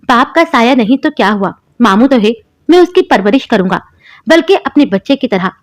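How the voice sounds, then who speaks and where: A woman voicing a protective older brother who calmly reassures his sister in a cartoon story. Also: fairly high pitch, normal speed, natural voice. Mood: reassuring. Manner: calm, reassuring.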